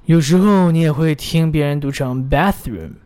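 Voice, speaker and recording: A man's voice: fairly high pitch, warm tone, smooth. Encouraging male English teacher. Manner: models phrases slowly, then pauses for the listener to repeat; encouraging, praises the learner often. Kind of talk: English pronunciation drill lesson.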